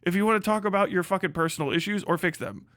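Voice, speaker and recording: Here a man hosting a livestream goes on a fast, casual rant, his high voice fairly bright over a dry, clean studio recording. Blunt and hectoring, he swears heavily throughout and mocks others by putting on voices.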